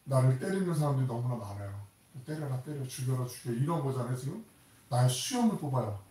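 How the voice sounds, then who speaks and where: An older man from Korea preaching a Sunday sermon as pastor, animated and dramatic, acting out prayers and voices as he speaks. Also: fast talker. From South Korea. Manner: animated, acts out quoted prayers and taunts with rising pitch and force. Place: church sanctuary. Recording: echoey church hall, voice from a distance.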